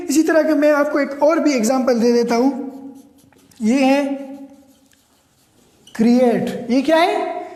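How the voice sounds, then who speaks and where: A man's voice: very high-pitched, a little mellow. A man teaching English pronunciation in a classroom lecture, repeating words and asking the class rhetorical questions. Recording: echoey room with long reverb.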